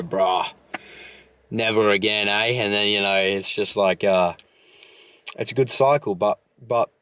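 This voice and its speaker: A man's voice: fairly low pitch, no echo. A young man hosting a solo podcast, talking in a fired-up, rambling way full of fillers and restarts. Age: young adult. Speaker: podcast host.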